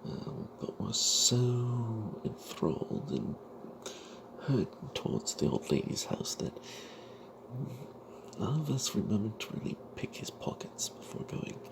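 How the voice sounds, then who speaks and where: A man with a lowish voice whispers a fantasy narrative in ASMR fashion, hushed and halting, in the role of a sardonic, suspicious cleric adventurer. His pitch swings widely, and there's background noise.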